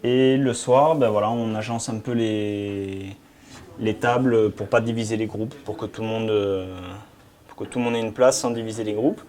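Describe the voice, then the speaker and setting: A man who runs a mountain hut talks casually in an interview. His voice is lowish and at normal speed, relaxed but full of small hesitations and frequent fillers.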